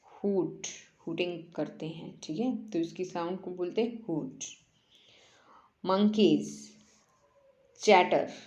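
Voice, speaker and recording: A woman teacher, explaining a workbook lesson in Hindi and reading English lines slowly, word by word. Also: lowish voice, darkish tone, echoey room.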